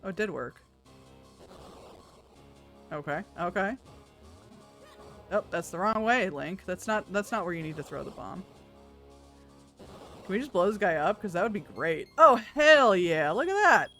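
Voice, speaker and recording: A woman's voice: on the low side, a little slow, long pauses. A woman giving casual, chatty video game commentary as a streamer, playful and wry, with some swearing. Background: music.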